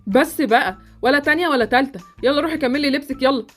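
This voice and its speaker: A woman's voice: high-pitched, racing, faint music behind, natural voice. A woman playing Sultan, a blunt Egyptian boy. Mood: brusque.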